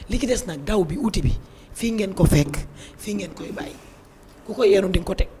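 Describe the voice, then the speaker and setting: Hoarse, witchy-voiced Senegalese woman coaching. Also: mid-range voice, expressive, fairly quick, warm tone, a little hiss or hum. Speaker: life coach, guest. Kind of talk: motivational advice in TV talk.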